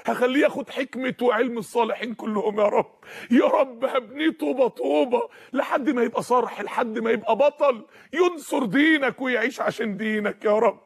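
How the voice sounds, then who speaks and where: A man's voice: very high-pitched, a little fast, breathy edge, full character voice. A man voicing an aged male prophet who pleads with God for a son, speaking with an Egyptian Arabic accent and tearful, repeated cries. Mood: fervent.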